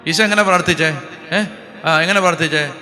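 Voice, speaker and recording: A priest preaching a sermon, often questioning the congregation and moving between loud proclamation and quiet asides. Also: male voice, fairly high pitch, brisk. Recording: long hall reverb with faint music behind.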